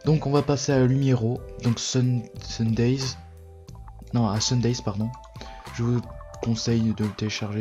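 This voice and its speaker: A tired man with a lowish voice walks through a computer tutorial in a casual, halting way. He keeps stopping on fillers and correcting himself. Faint music plays under his voice. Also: a little mellow. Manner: hesitant, many fillers and self-corrections. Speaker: tech tutorial youtuber. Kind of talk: casual screen-recorded tutorial.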